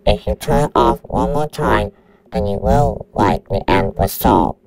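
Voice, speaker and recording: A man's voice: lowish voice, measured pace, a little mellow, natural voice, poor audio. A synthetic male voice as a robotic computer virus. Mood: menacing. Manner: threatening countdown announcements.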